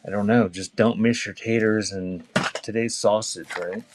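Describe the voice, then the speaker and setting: In casual live selling chat, a man with a fairly low voice and fairly even intonation reads cassette titles at a moderate pace, rambling and teasing as he goes. Noticeable background noise and clicks are present.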